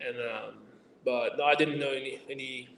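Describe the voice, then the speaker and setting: Halting man in an echoey room. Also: mid-range voice, fairly even intonation, gravelly, a bit bright, slight background noise. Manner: hesitant, many fillers and restarts, halting grammar. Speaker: athlete guest. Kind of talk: remote interview chat. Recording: echoey room, far from mic.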